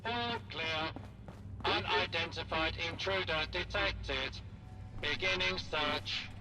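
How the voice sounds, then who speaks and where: A stern male security robot from a video game, voiced by a man, issuing orders in a clipped, formal, commanding way. The voice sits a little high for a man. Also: slow pace, pushed and bright, a little hiss or hum, full character voice, poor audio.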